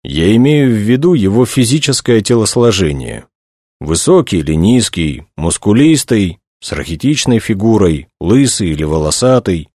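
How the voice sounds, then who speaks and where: A man's voice: lowish voice, big pitch swings, normal speed, a little mellow, dry recording, clean studio sound, pitched above the performer's own voice. A man reading aloud, voicing a matter-of-fact male detective who keeps asking pointed questions. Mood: probing.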